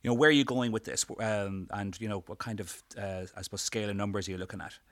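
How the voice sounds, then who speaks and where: A man's voice: on the low side, steady tone, quick pace, a bit bright, no echo. A man conducting a conversational business interview, putting his questions in a hesitant, roundabout way.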